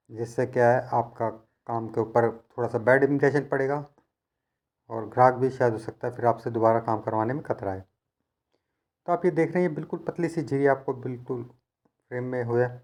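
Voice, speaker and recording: Like a working technician teaching his trade, this man patiently explains each step of practical repair work in a conversational, hands-on instructional narration. His voice is medium in pitch and a little mellow.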